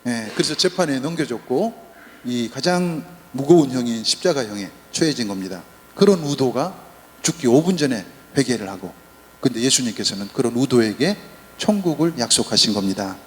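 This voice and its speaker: A man's voice: medium pitch, normal speed. A male priest giving a Lenten sermon in a church, telling stories with humor. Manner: lively, humorous storytelling. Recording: long church reverb.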